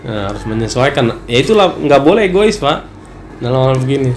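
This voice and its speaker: A relaxed male religious teacher at a study session speaks in a mid-range voice, chatty and easygoing. He now and then mimics people asking him questions. The room sounds echoey, with a faint noise underneath. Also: mid-range voice, a little fast. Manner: relaxed, conversational, acts out questions from worshippers. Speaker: ustaz teaching Islamic law.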